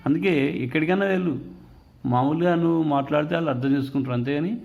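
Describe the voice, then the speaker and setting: శ్రద్ధగా వివరించే మగ ఇంగ్లీష్ టీచర్, కొంచెం ఎత్తు స్వరం. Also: male voice, fairly high pitch, dull audio. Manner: explains in Telugu mixed with English words, reads English quotations slowly. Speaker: English teacher. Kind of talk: lesson explaining an English text.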